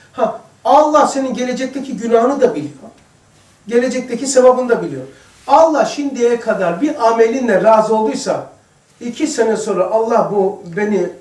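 A man giving an informal religious lesson to a small group, chatty and addressing listeners by name, moving between hushed asides and emphatic passages. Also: extremely high pitch. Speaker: religious teacher. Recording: echoey room, distant mic.

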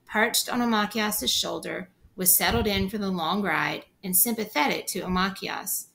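A woman's voice: medium pitch, a bit bright. A woman reading a book chapter aloud, stopping now and then to explain the story in plain, chatty words. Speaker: reader.

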